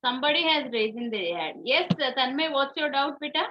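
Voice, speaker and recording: A woman teacher giving an online phonics lesson to young children, drawing out each vowel sound slowly and calling her pupils affectionately. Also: sits high, lively intonation. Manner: slow, drawn-out vowel demonstrations, calls pupils "beta". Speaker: schoolteacher. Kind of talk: online English phonics class. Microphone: video call. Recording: dull lo-fi video-call audio.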